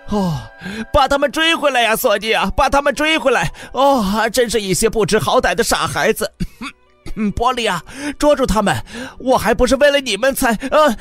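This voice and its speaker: Guy doing a high wailing hysterical mom, frantic and pleading, big swoops. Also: sing-song, normal speed, faint music behind. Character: grieving frantic mother, consumptive and hysterical.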